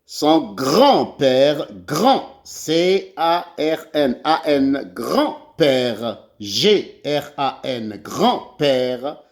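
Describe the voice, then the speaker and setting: A man's voice: a little high, expressive, drawn-out words. A man with an Algerian French accent teaching a children's reading lesson, spelling out syllables letter by letter. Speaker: primary school teacher.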